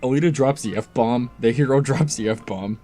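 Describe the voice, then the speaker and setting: A man's voice: medium pitch, dark tone, soft background music. A man co-hosting a casual film review chat, joking around and swearing freely. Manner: casual, swears freely, quick jokey asides.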